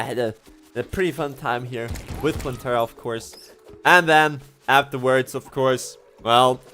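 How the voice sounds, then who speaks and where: With a medium-pitched, fairly bright voice, this young Swiss German speaker offers casual commentary while streaming gameplay, frequently laughing and correcting himself.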